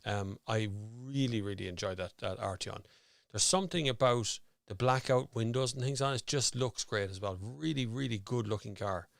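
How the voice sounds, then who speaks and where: On a casual live stream, an Irish man acts as host, chatting and rambling as he works out his audio on air. His lowish, creaky voice moves at a moderate pace, recorded dry and clean through a studio microphone with headphones.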